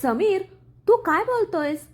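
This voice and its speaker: A woman's voice: very high voice, expressive, unhurried, voice pushed up. A woman voicing an anxious mother-in-law. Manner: anxious, pleading.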